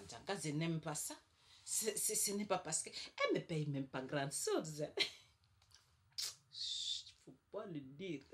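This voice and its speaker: A woman doing a chatty comic rant to camera. She is emphatic, repeats herself for effect and tags her sentences with little asides. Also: low voice. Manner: emphatic, chatty, peppered with "hein" and "quoi". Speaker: comic monologue persona.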